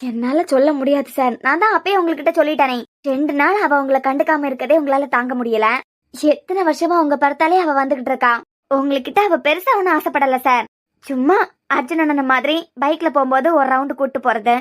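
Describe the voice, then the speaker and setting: High-voiced scolding young woman cartoon voice. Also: no room sound, studio quality, natural voice. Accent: Kanyakumari Tamil. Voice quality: firm, scolding, lecturing. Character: firm young woman caretaker scolding the father. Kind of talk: cartoon voice acting.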